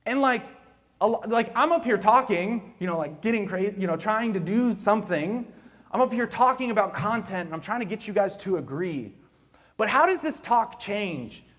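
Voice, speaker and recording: A man with a high, bouncing voice gives an animated keynote, chatty and playful, speaking straight to his listeners. His voice carries through a large, echoey hall. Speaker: keynote speaker, director of evangelization. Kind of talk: lively keynote talk.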